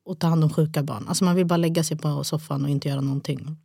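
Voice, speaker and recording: Young woman, low voice, dry close mic; casual podcast co-host, animated storyteller. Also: creaky, no echo. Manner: chatty, animated retelling. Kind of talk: casual chat.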